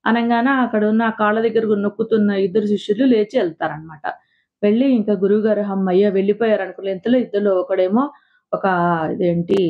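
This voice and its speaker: A woman storyteller telling a folk tale in a chatty, repetitive way, on a tinny phone-like recording. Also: mid-range voice. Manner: chatty, repetitive, with frequent restarts. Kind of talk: oral storytelling.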